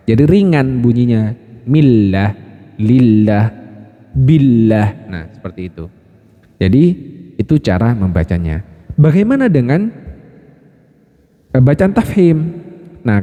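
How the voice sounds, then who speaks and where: A man teaching recitation patiently, stopping to chant example words slowly. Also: medium pitch, warm tone, in a large hall. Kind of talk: explanatory lesson.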